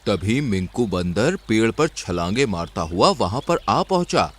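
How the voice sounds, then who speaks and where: A man's voice: fairly low pitch, measured pace. A man narrating a children's cartoon story expressively. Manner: expressive and lively.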